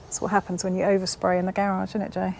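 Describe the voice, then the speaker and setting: A woman's voice: mid-range voice, monotone, racing, gravelly, darkish tone, slight background noise. A woman vlogging as she works on her motorbike in a home garage, chatty and self-mocking, reading instructions aloud. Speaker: motovlogger. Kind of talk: casual chat while working on a motorbike.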